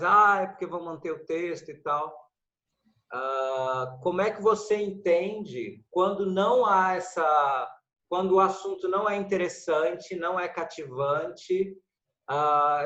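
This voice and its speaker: A man's voice: fairly high pitch, a bit bright, echoey room, lo-fi sound. A man with a Brazilian Portuguese accent in an acting class, asking questions and telling stories. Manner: questioning, anecdotal. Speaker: acting student. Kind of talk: class discussion.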